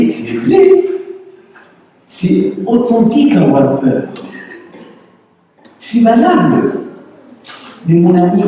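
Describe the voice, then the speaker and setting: A man's voice: high voice, mellow, a little hiss or hum. A male pastor with a Spanish accent preaching a conversational sermon with lots of rhetorical questions, recorded in a church hall. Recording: echoey church hall, distant mic.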